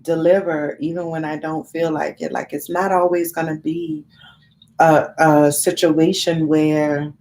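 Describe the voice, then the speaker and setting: This woman, a live-stream vlogger in her thirties, has a low, slightly mellow voice thickened by a head cold. She chats to her audience in a rambling, candid way, dropping casual swear words.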